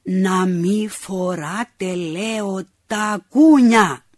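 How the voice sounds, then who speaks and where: A woman's voice: on the high side, big pitch swings, gravelly, husky, no room sound, studio quality, heavily acted. A woman voicing a fussy, irritable older man who complains about his neighbours' noise, in a read-aloud humorous story. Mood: exasperated.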